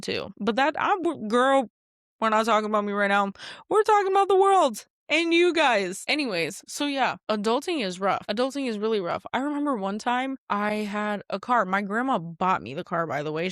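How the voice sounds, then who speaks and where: A woman in her late twenties hosting a podcast alone, in a chatty, animated manner full of asides. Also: dry recording, clean studio sound. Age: 20s. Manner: chatty, animated, frequent asides and jumps in pitch. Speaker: podcast host. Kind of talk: casual solo podcast monologue.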